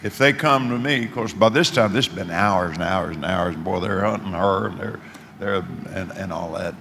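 A man preaching a sermon and telling a story, animated, rising to shouts and dropping low for asides. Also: moderate pace, creaky. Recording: echoey hall with faint noise.

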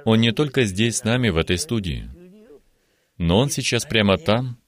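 A very low-voiced man in his eighties tells his religious testimony in slow, emphatic phrases. He speaks as a guest in a television studio, earnest and deliberate. His voice sits deep throughout. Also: lively intonation. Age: 80s. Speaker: guest giving a healing testimony.

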